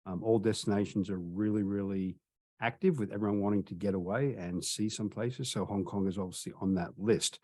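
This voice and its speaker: A man's voice: lowish voice, steady tone, fairly quick, darkish tone. A man hosting a travel webinar over a video call, chatty and friendly, with frequent ums and restarts. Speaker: webinar host.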